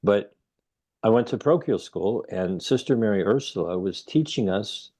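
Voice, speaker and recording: Gravelly, animated middle-aged man. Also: moderate pace. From Ohio, United States. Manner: animated storyteller, rising to emphatic highs. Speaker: guest researcher. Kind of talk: casual conversation.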